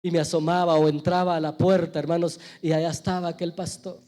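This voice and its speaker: Pastor man preaching, pretty high voice, storytelling, goes loud then real quiet. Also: flat delivery, fairly quick, soft background music. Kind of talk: sermon. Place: church.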